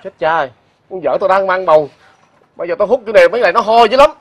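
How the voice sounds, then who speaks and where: A man acting in a stage comedy sketch, loud and blustering. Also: high voice, quick pace.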